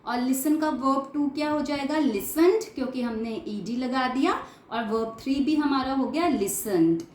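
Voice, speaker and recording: A woman teacher drilling English verb forms, reciting each form with steady emphasis and patiently correcting children's pronunciation. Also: sits high, a little slow, echoey room, a little hiss or hum. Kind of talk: slow classroom-style drill lesson.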